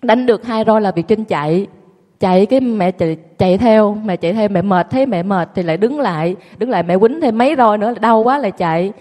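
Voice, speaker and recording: A woman's voice: mid-range voice, expressive, brisk, warm tone, long reverb tail. A woman telling her childhood story to an audience in a candid, self-mocking way. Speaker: guest recounting her childhood.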